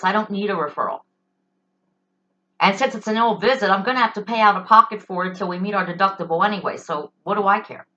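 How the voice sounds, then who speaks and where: A middle-aged American woman hosts a solo talk show, delivering an emphatic, indignant opinion monologue in a conversational way. Her voice is mid-range with a sharp tone, and the recording sounds dull and lo-fi.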